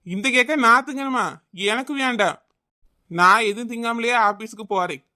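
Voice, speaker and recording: A grumpy husband in a comedy cartoon, blunt and sarcastic, with a Kanyakumari Tamil accent. The voice sits mid-range with a bright, tense edge. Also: medium pitch, moderate pace. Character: grumpy office-going husband, adult man.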